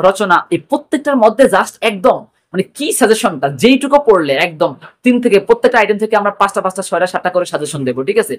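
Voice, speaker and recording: A man with a Bangladeshi accent teaching an exam prep lesson, repeating key points and mixing in English words. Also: high voice. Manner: rapid, repetitive, mixes English words.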